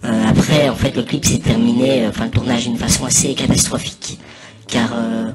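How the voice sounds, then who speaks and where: A man giving a casual, improvised mock commentary over video, rambling hesitantly and pausing mid-sentence. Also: mid-range voice, flat delivery. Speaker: narrator of a spoof anonymous behind-the-scenes testimony. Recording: voice over loud music. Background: loud music.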